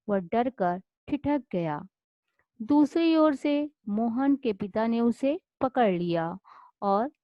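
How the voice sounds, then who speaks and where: A woman's voice: on the high side, no room sound. A woman teacher retelling a story and stopping often to explain words, with many restarts. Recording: dull lo-fi dry recording.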